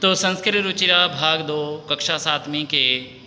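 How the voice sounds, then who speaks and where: A man teaching a Sanskrit lesson, reading questions and answers aloud in a methodical, drawn-out recitation. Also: on the high side, pushed and bright. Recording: long reverb, faint noise.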